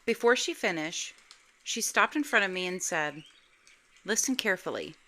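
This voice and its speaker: A woman narrating a first-person ghost story in a measured, suspenseful way. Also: lowish voice, lively intonation, bright, forceful tone. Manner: slow, measured, suspenseful delivery.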